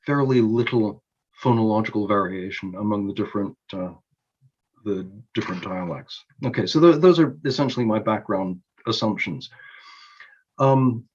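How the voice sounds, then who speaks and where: A man presenting a conference talk on linguistics, explaining slowly and carefully with frequent ums and self-corrections. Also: lowish voice, a little mellow, muffled recording. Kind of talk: recorded academic conference talk.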